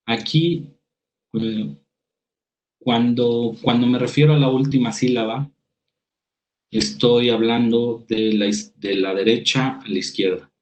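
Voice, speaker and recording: A man's voice: medium pitch, steady tone, slow pace, pauses often, low-quality recording. A man teaching a writing workshop. He reads definitions aloud, then explains them with examples, restarting his sentences now and then. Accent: Mexican Spanish. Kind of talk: spoken lecture over slides.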